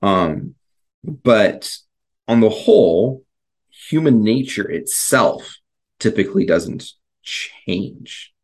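A man's voice: fairly low pitch, big pitch swings, drawn-out words, a little mellow, breathy edge. A man co-hosting a casual history discussion, talking in a rambling way with many fillers and restarts. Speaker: podcast co-host.

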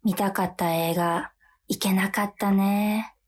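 Speaking slowly with a steady tone at medium pitch, a woman voices a sweet, languid demon of May blues in Japanese radio drama acting. The cute, seductive character coaxes someone toward being lazy.

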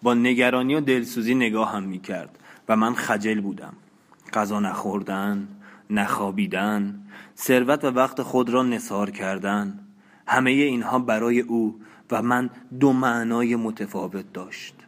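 A man reading a novel aloud as an audiobook, in slow, measured, even narration. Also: fairly low pitch. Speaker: audiobook reader.

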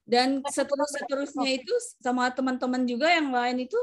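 A woman's voice: high-pitched, fairly even intonation, fairly quick. A woman who works as a nurse, chatting casually on a podcast and telling rambling stories full of fillers. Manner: anecdotal, rambling storytelling with many fillers.

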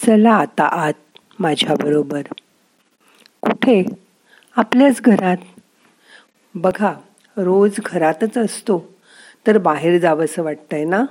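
A woman's voice: on the low side, slow, pauses often, a little mellow, husky. A woman narrating a guided meditation in a soothing, questioning way.

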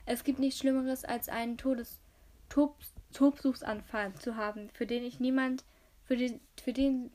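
A woman putting on a raging, bossy boy who shouts down everyone around him, voice pitched up high and pushed loud. He rants in short, repeated bursts, like a child throwing a tantrum, in an amateur audiobook reading. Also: fairly even intonation, a little slow, natural voice. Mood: furious ranting. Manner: shouting, ranting. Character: furious bossy boy ruler of an island.

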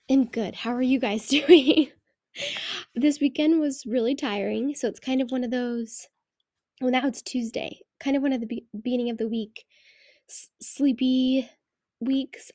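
A woman talks casually on her own as a podcast host, in a fairly high yet mellow voice. She rambles and thinks aloud with a self-deprecating manner. The sound is very dry, as if recorded under a blanket. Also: no echo. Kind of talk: casual solo chat. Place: indoors on a bed under a blanket.

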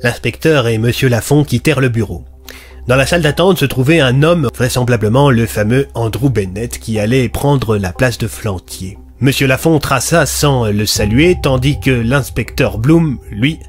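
A man reading a scripted detective story aloud with a steady, even delivery. His voice sits mid-pitch, with faint music underneath. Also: moderate pace. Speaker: narrator.

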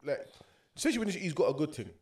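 This young man's pitch is fairly high, swinging widely, with a darkish tone and very fast delivery. He co-hosts a podcast in casual chat, speaking London roadman slang, opinionated and fond of tag questions like a street talker.

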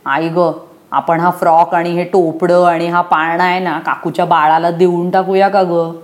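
A woman voicing a sulky, jealous little girl in a children's story, whining and shouting when she doesn't get her way. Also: on the low side, little pitch movement, normal speed, natural voice. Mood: grown-up. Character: pouty jealous little girl, new big sister.

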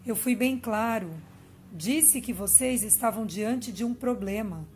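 A Brazilian woman voicing a grave, authoritative old Zen master in a storybook parable, measured and declarative. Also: on the high side, a little mellow, a little hiss or hum, lightly acted. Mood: calm authority.

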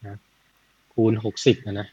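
A man retelling a Buddhist story in a casual, chatty way, often adding soft tag words and working out sums aloud. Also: measured pace, lo-fi sound. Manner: chatty, frequent "na" tags, thinks aloud with math.

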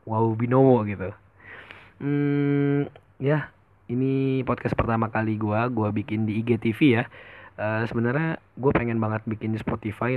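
A man's voice: mid-range voice, low-quality recording. A young man in his twenties talks through a first homemade podcast episode, casual and meandering. He stops and restarts often, sliding between slangy and polite speech. It is recorded on a phone with a headset mic in a room at his family's home. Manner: rambling, many fillers and restarts, mixes casual and polite speech. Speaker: podcast host. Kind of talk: casual solo podcast monologue.

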